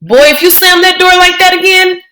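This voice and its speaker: A woman pitches her voice above her natural range to play a stern, fussy elderly grandmother who scolds in a drawl. Her voice is high and fairly bright, with big pitch swings at a normal speed.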